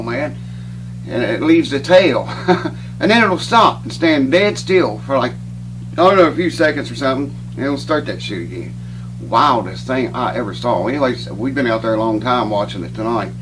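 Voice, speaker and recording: A middle-aged man chatting casually to his viewers, folksy and rambling and out of breath. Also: mid-range voice. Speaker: vlogger. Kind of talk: casual chat to camera. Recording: distant mic with clear hum.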